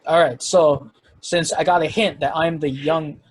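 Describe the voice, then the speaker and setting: A man's voice: on the high side, steady tone, unhurried, slightly rough, poor audio. A man in his twenties co-hosting a casual podcast chat, rambling and joking, often correcting himself mid-sentence. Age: 20s. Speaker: co-host.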